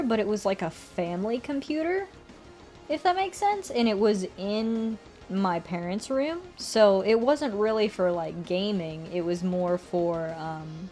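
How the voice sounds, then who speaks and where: A woman's voice: mid-range voice, darkish tone. Rambling young woman streamer. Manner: rambling, self-correcting, laughs often. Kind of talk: casual chat while drawing.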